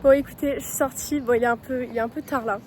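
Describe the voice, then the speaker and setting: A woman's voice: fairly high pitch, steady tone, quick pace, darkish tone, faint music behind. A woman in her twenties, a student, chatting bluntly and casually in a vlog with lots of slang. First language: French. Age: 20s. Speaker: student vlogger.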